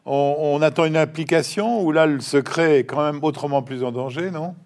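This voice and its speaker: A man who hosts an interview podcast and asks direct, brisk questions. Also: on the high side, a little mellow. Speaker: host.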